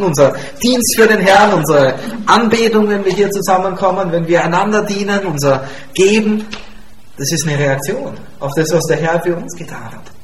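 A pastor with a high, light voice delivers an emphatic sermon. He hammers his main points home by repeating them. The sound carries through a roomy church hall with plenty of echo. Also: slight background noise. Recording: echoey church room.

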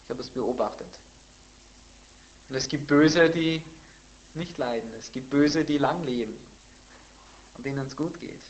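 A man teaching a Bible sermon in a conversational way, with blunt asides, who grows louder and higher when he reads scripture quotes. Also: unhurried, long pauses, low-quality recording. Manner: emphatic, rising in pitch and volume when reading scripture quotes. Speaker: preacher.

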